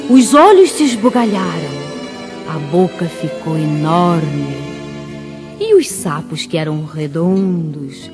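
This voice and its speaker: Woman telling a rhyming kids story, slow and singsongy, lots of reverb, soft music behind. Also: on the low side. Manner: slow, sing-song rhyming delivery. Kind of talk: rhymed children's storytelling on radio.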